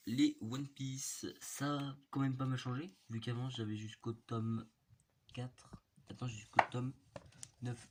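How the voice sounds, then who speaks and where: A young man with a congested, blocked-nose sound from a cold, chatting casually as he shows his manga collection in a vlog. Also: on the low side. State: has a cold with a stuffy nose. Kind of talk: casual vlog chat, rambling collection tour. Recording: noisy amateur home recording with clicks.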